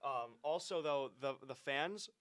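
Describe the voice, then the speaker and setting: A man in his twenties co-hosting a podcast, talking casually with wry, animated jokes. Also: medium pitch, measured pace, clean tone. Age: 20s. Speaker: podcast co-host. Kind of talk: casual chat.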